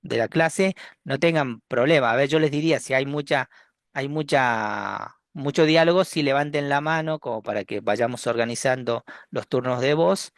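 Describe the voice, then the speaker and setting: A man with a Rioplatense Spanish accent lecturing a university class over a video call, relaxed and joking, with many restarts and tag questions. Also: mid-range voice, normal speed, dry recording, studio quality.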